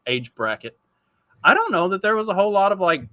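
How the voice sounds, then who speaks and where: A man's voice: high voice, sing-song, brisk, pushed and bright, no echo. A man of forty talking in a casual podcast chat, profane and rambling, with many restarts. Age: 40s.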